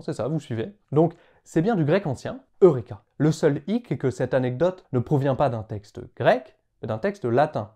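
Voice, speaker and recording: Lively man explaining words. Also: mid-range voice. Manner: lively, playful teacher who sounds out example words. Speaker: educational video host. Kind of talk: explaining language history to camera.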